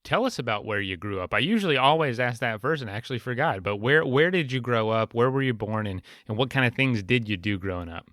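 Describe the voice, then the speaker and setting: Bright-voiced male podcast host. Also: mid-range voice, lively intonation, fast talker, few pauses, no echo, clean studio sound. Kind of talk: podcast intro and interview.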